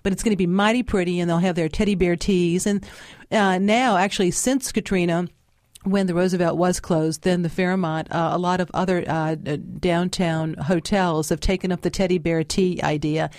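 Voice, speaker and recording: A woman's voice: fairly low pitch, fairly even intonation, normal speed, darkish tone, dry recording, clean studio sound. A woman, a guest chatting casually in an interview with many fillers and restarts. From New Orleans. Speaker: guest author.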